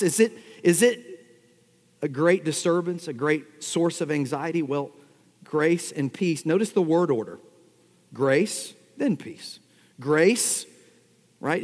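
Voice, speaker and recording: A man preaching an expository sermon, teaching verse by verse and firing rhetorical questions at his congregation. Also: on the high side. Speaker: pastor. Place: church sanctuary. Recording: long hall reverb.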